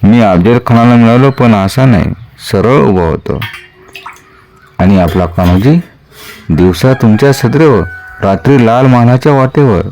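A man's voice: medium pitch, measured pace, pauses often, darkish tone, a little hiss or hum, lightly acted. A man doing a sly scheming traitor. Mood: insinuating. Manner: insinuating, wheedling. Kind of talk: dramatic storytelling.

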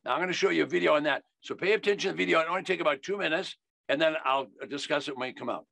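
Rapid-fire and creaky, this a-little-high, fairly bright voice belongs to an American investing educator in his 70s. He teaches in a folksy, emphatic sales style over a video call, circling back to key phrases. The recording is dry.

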